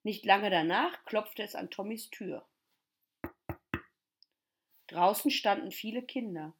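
Lady reading a kids story, lively storybook voice, talks to the children after. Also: medium pitch, slow pace. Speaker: storyteller and teacher.

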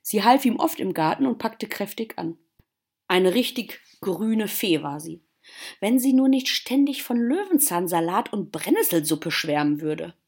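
A woman teacher reading a story aloud to her class in a gentle storytelling manner. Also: medium pitch, big pitch swings, unhurried, slightly rough. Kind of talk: storybook narration.

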